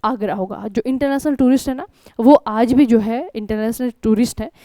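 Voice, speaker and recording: A woman from India takes an exam-prep class with a slightly high, mellow voice. She teaches in a chatty way and keeps checking in with her students. The recording is close and dry. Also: moderate pace, no echo. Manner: conversational, keeps asking "ठीक है?" and addressing students as children. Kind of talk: online current-affairs lesson.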